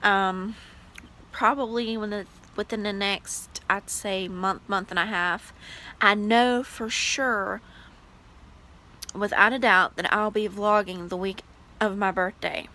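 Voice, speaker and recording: Bright, gushing young woman vlogger. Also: medium pitch, fairly even intonation, slow pace, rough recording. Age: 20s. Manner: chatty, gushing, many "like" fillers. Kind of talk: casual vlog chat to camera.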